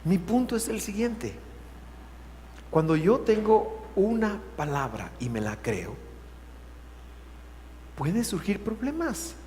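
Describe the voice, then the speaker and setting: Animated Guatemalan preacher in a reverberant hall. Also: male voice, high voice. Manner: animated preaching, alternating loud emphasis with hushed, drawn-out words. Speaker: pastor. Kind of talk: sermon. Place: church sanctuary. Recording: reverberant hall, faint hum.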